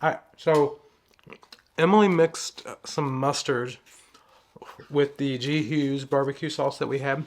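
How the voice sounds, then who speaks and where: A man's voice: medium pitch, measured pace, long pauses. A man co-hosting a home cooking vlog, rambling and joking while he chats about food. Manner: jokey, rambling, laughs easily. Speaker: keto vlog co-host. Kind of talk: casual chat.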